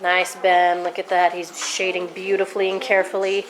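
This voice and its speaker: A woman's voice: on the low side, monotone, moderate pace, noisy background. A woman teaching a math lesson to a class of children, encouraging them and asking questions, her voice worn and close to giving out. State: coughing, losing her voice.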